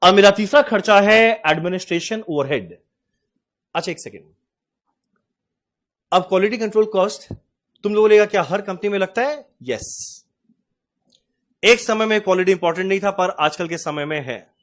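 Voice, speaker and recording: High-voiced male accounting teacher. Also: moderate pace, long pauses, fairly bright tone. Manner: chatty, storytelling, addresses students as "tum log". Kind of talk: lecture with a personal anecdote.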